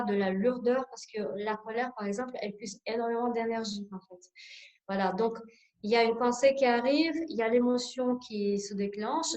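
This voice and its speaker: A woman's voice: fairly high pitch, darkish tone. A woman in her forties with a Russian accent, leading an introductory sophrology workshop in French and explaining things with many hesitant fillers. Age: 40s. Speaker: sophrology instructor.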